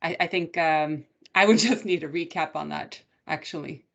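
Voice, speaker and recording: Mother on a parent call, low-pitched, searching for words as she asks. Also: normal speed, gravelly. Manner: hesitant, many fillers and restarts. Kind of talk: online parent meeting. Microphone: video call.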